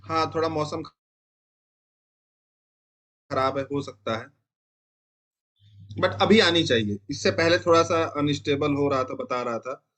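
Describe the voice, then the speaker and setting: A man teaching a class over an online stream, in a somewhat high voice. He poses questions to his students and answers them himself. He says the key terms again slowly so they stick. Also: a bit bright. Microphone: online class stream over a network.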